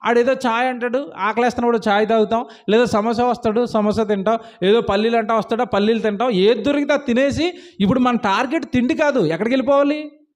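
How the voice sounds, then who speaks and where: A man's voice: very high voice, fairly even intonation, quick pace. A man preaching a sermon in church, firing rhetorical questions at the congregation and repeating phrases for emphasis. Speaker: pastor.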